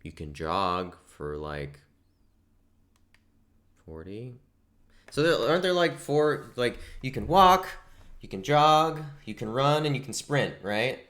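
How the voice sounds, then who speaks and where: A man's voice: mid-range voice, big pitch swings, takes it slowly, long pauses, a bit bright. A young man narrating as game master, casually explaining rules and laughing easily.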